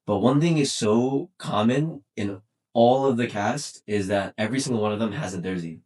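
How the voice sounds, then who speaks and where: Relaxed low-voiced man born in India. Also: normal speed. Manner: relaxed, rambling, with many fillers and restarts. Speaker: guest, clothing designer and brand founder. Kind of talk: casual podcast conversation.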